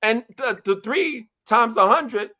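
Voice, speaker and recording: A man with a very high voice and a New York accent hosts a casual livestream panel over a video call. He takes it slowly, with lively intonation and a bright, forceful tone, speaking emphatically and motivationally and repeating points for effect.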